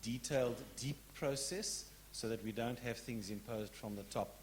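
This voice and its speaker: A man in the audience of a public lecture, making an earnest, frank statement and putting a question with some halting restarts. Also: mid-range voice, slight background noise. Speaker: audience member asking a question.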